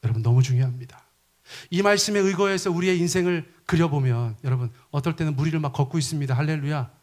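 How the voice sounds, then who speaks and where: A man's voice: a little high, quick pace. A middle-aged male pastor preaching a sermon, asking the congregation questions and acting out quoted lines.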